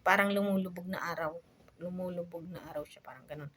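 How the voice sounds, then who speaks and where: A woman's voice: on the low side, fairly even intonation, fast, fairly bright tone. A young adult woman from the Philippines telling a personal story in a casual vlog, full of fillers and asides to her viewers. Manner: chatty, many fillers, addresses viewers as guys. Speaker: vlogger.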